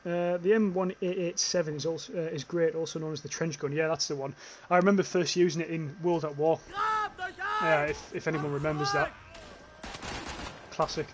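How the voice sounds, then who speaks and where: A young British man with a northern English accent casually commentates his gameplay livestream, reading chat comments and swearing offhand. His voice is on the high side with fairly even intonation, and he talks briskly over background noise.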